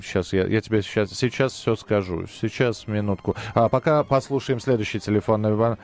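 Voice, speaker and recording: A man's voice: lowish voice, normal speed, darkish tone. A man co-hosting a live radio talk show, chatting and joking with his partner. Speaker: radio co-host.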